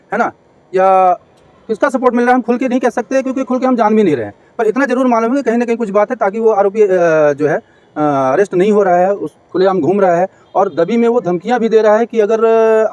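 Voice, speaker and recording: A man's voice: high-pitched, a little mellow. A man giving an urgent statement to a news reporter, hesitating with fillers. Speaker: complainant interviewed.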